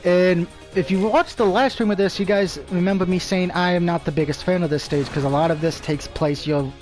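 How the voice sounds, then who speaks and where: With a fairly high pitch and a speech impediment, a man casually narrates a live game stream, rambling, cursing, and sharing opinions on everything.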